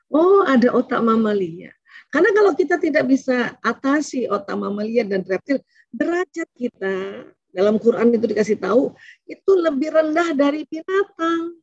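Animated woman lecturing on parenting. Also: fairly high pitch, slightly rough, no room sound, muffled recording. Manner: animated, asks herself questions in the audience's voice. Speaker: seminar speaker on parenting. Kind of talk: religious parenting seminar talk.

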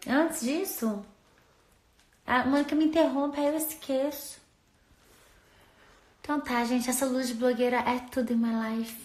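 A high-voiced woman talks into her phone in a loose, chatty way, drifting from story to story with playful asides. The room around her rings with a clear echo. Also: a bit bright. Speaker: social media influencer. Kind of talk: casual phone stories chat. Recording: roomy echo.

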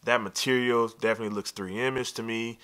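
A man in his thirties doing a casual, excited sneaker unboxing review, opinionated and talking straight to the viewer. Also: medium pitch, fairly quick, clear, resonant tone.

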